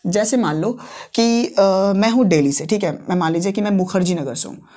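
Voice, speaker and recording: A patient male teacher gives a classroom lesson at a whiteboard. He explains in one language and then says the example phrases in another. He repeats each phrase slowly, many times over. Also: sits high, mellow. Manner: switches between Hindi explanation and English example phrases. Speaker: English teacher.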